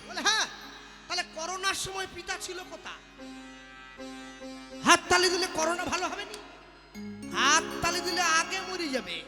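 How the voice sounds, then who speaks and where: A man preaching a devotional sermon, full of rhetorical questions and mock dialogues. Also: very high voice. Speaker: kirtan singer and preacher. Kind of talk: devotional sermon with acted asides. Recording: live hall reverb with faint music.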